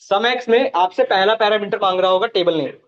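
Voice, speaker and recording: A man's voice: high-pitched, fairly quick, lo-fi sound. A man teaching a live online class, walking students through each step and checking in with them as he goes.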